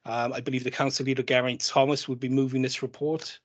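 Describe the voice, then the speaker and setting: A man's voice: mid-range voice, level tone, fast, highs cut off. A man chairing a council meeting as mayor. He reads out agenda items in turn and calls on members to speak, talking into a desk microphone in a large council chamber.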